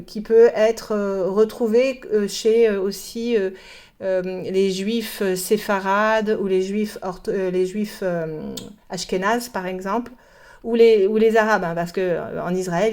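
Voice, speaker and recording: A woman from France explaining a cartoon in a casual lesson, pausing often and hesitating between words. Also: medium pitch, darkish tone. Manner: hesitant, many pauses and fillers. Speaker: French teacher.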